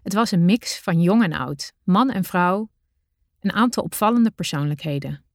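Woman reading her own survival story aloud, calm and measured, dry studio sound, no room echo. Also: fairly low pitch. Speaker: narrator of her own adventure memoir. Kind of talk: first-person audiobook narration.

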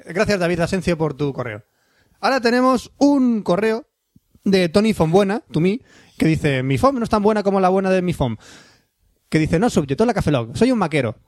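Playful high-voiced host. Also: male voice, sing-song, moderate pace, no room sound, studio quality. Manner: playful, jokey, puts on loud exaggerated voices. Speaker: podcast host reading listener emails. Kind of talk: casual podcast chat.

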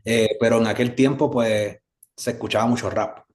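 A man's voice: mid-range voice, fairly even intonation, moderate pace, a little hiss or hum. A man from Puerto Rico with a Puerto Rican accent, a musician guest talking in an easygoing, rambling way. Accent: Puerto Rican Spanish. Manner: easygoing, rambling, with many fillers. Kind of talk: casual interview.

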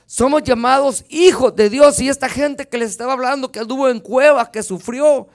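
A man with a strikingly high voice delivers an impassioned evangelical sermon. He leans on his listeners as brothers, shouting out declarations and then dropping low for quieter asides as he weaves in his own testimony. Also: moderate pace. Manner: fervent, swings between loud declarations and soft asides; keeps addressing listeners as brothers. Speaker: lay preacher.

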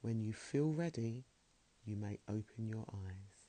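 A man leading a guided meditation in a slow, soothing, soft-spoken way. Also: on the low side.

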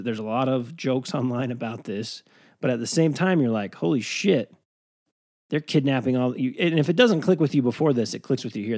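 A man's voice: medium pitch, a little mellow. Casual, rambling podcast host man. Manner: rambling, profane, laughing storyteller. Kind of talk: casual film recap chat.

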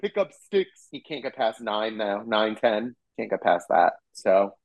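A man's voice: lowish voice, a little slow, poor audio. A man co-hosting a podcast, chatting casually and acting out scenes with lots of laughter. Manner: animated, acts out quotes, laughs often. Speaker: podcast co-host. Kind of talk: casual chat, recapping a TV episode.

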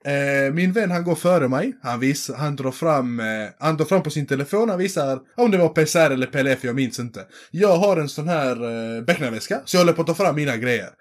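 A man telling a travel story in casual chat, with lively delivery and frequent laughter. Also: on the high side, hardly any pauses.

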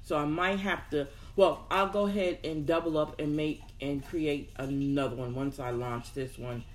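With a medium-pitched, steady voice at a moderate pace, a personal development host gives an informal motivational talk to an audience, reasoning aloud and repeating words for emphasis. A little hiss or hum is audible.

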